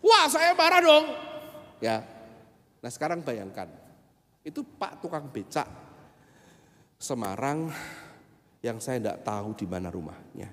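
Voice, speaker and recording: A middle-aged male pastor, giving a sermon as an animated, jokey story at the pulpit. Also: fairly low pitch, a little slow, long pauses. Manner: animated, acts out voices, jokey. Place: church, at the pulpit. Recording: echoey church hall.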